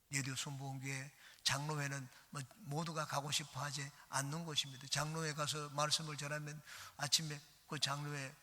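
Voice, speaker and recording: A man's voice: fairly high pitch, pushed and bright. A middle-aged male pastor giving an earnest dawn sermon, reading scripture aloud. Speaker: senior pastor. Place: church sanctuary. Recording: church hall reverb.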